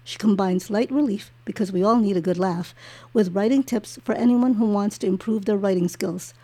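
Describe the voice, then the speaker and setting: A woman hosting a podcast, her voice mellow and a little husky. She reads the guest introduction smoothly, then turns to soft, encouraging questions. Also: medium pitch. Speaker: podcast host. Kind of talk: scripted introduction and interview.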